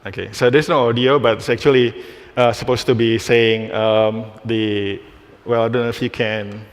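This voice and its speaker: The voice is medium-pitched and steady: an Indonesian man presenting a technical talk live at a conference. As he demos, he stops and restarts phrases, and the hall gives the sound reverb.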